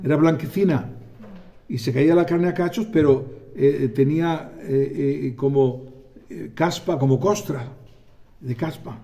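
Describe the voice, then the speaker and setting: A man preaching a sermon, animated, acting out voices and calling on the congregation for amens. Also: on the high side, unhurried.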